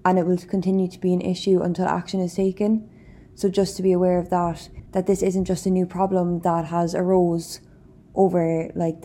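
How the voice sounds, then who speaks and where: A woman's voice: on the low side, warm tone. A woman with an Irish accent, hosting a podcast in an informal, explanatory, conversational way. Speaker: podcast host.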